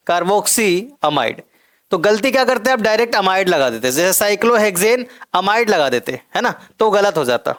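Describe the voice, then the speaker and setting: High-voiced male chemistry teacher. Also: a bit bright. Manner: explains step by step, repeats key terms, quizzes students. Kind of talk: recorded classroom lecture.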